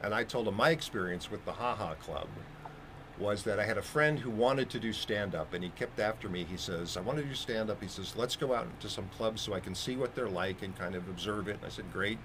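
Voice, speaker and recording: Rambling low-voiced male radio host. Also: fairly quick, fairly bright tone, slight background noise. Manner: rambling anecdotes with fillers. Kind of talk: casual chat.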